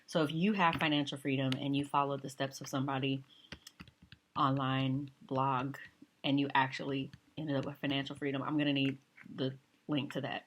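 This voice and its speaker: Woman in her 30s with a low speaking voice, vlogger, chatty and self-mocking, slips into whispered asides. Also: level tone, normal speed, a little hiss or hum. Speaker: vlogger and opera singer. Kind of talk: casual talk to camera.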